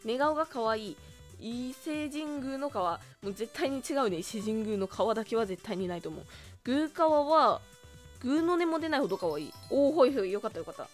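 A young woman talks through a quiz game in a chatty let's-play style, reading the questions aloud and reacting to each answer. Her voice sits fairly high and swings all over the place, with soft music playing underneath. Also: animated, fairly quick. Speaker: game commentator. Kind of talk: casual let's-play commentary.

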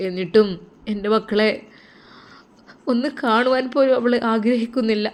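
A woman's voice: on the high side, normal speed, close to an everyday voice. A woman voicing a grieving adult man, an abandoned father who is crying, with a sorrowful, pleading manner in a storybook. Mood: tearful. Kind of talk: storybook narration.

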